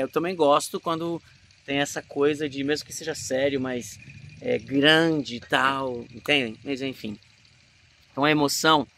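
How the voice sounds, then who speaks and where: Brazilian man, acting teacher, gravelly bright voice, animated casual lesson, faint background noise. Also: mid-range voice. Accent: Brazilian Portuguese. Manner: animated, demonstrates emotions mid-talk.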